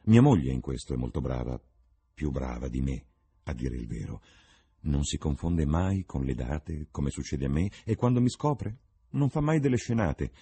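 A man's voice: a bass voice, very animated, moderate pace, dark tone, breathy edge, full character voice. Man reading a cynical witty lord. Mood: ironic. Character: witty cynical young English lord, amused.

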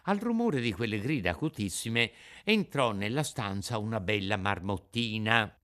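A man narrating a classic storybook in a theatrical, expressive reading. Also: lowish voice, moderate pace.

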